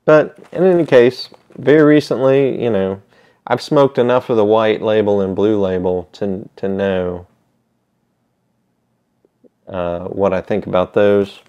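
A middle-aged man with a fairly low voice talks casually to camera with a pipe in his mouth. He rambles in a laid-back, halting way, pausing often. The sound is slightly dull, recorded in a small room. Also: warm tone, clear, resonant tone. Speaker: pipe tobacco seller. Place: small indoor room with shelves.

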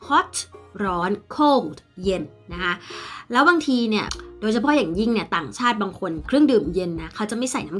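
A young Thai woman teaching English in a casual video lesson, explaining in Thai and saying English phrases slowly and clearly. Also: medium pitch, pushed and bright. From Thailand.

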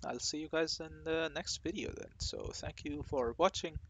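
A man's voice: on the high side, moderate pace, vocal fry, a bit bright, slight background noise. Rambling male gaming host, full of fillers. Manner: rambling, hesitant, many fillers and restarts. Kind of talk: casual rambling talk to camera.

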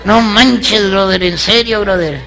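A man's voice: sits high, slow pace, creaky, sharp tone, a faint crowd, full character voice. A man playing a streetwise, joking Mexican guy who peppers every line with slang, in a church comedy sketch.

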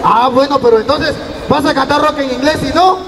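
A man's voice: very high voice, fairly quick. A man playing a silly, bossy clown who scolds and rouses in a live children's stage routine. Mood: scolding. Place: stage in a large indoor hall. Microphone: handheld mic, filmed from the audience. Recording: noisy hall recording with crowd.

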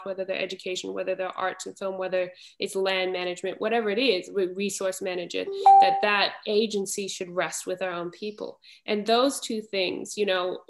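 A woman in her thirties speaking earnestly at length on a video call from home, a panelist in a discussion. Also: mid-range voice. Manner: earnest, flowing speech with frequent "you know". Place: home room. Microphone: video call webcam.

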